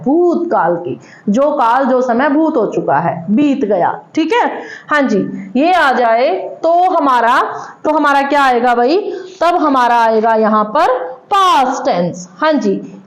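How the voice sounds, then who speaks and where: A woman teaching English grammar at a blackboard, lively, asking the class questions and answering them herself. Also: high voice. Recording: echoey room, dull lo-fi sound.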